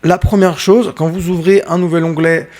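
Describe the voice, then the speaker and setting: A man walking viewers through trading software in a casual screen-share tutorial, talking directly to them with many fillers. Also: on the high side, level tone, normal speed. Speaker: trading educator.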